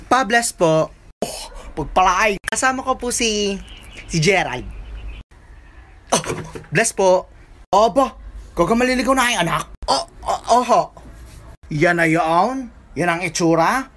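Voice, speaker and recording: A woman's voice: medium pitch, lively intonation, a little slow, long pauses, fairly bright tone, a little hiss or hum. A woman acting in a comedy skit as a stern parent grilling a visitor.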